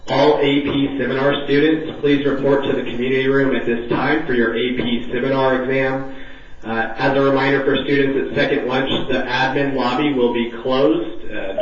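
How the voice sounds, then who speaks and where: A man reading a polite school announcement over a PA loudspeaker. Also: medium pitch, a little hiss or hum. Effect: heard over a school PA loudspeaker. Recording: echoey distant PA speaker, muffled.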